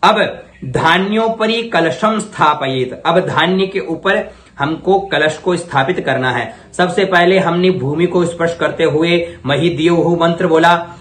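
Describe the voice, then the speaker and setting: This is a slow, syllable-by-syllable mantra lesson from a man whose voice is fairly high and fairly bright, recorded with a roomy sound. He chants the Vedic mantras for his students to imitate before explaining them rapidly in simple terms.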